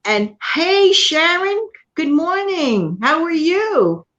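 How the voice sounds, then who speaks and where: A woman from New York City hosting a casual livestream chat, talking warmly and at length to her viewers and co-host. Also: extremely high pitch, very animated, takes it slowly, dull audio. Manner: chatty, warm thanks to viewers and co-host. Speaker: channel host.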